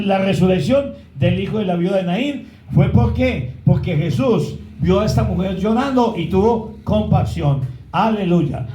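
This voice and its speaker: A man's voice: high voice, warm tone, echoey room, slight background noise, poor audio. A man preaching a sermon as pastor, often asking the congregation to fill in words.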